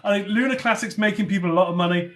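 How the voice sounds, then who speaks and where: A man's voice: high-pitched, rapid-fire, fairly bright tone. A man from North Somerset, casually chatting on a livestream and answering viewer comments. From North Somerset, England. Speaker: livestream host.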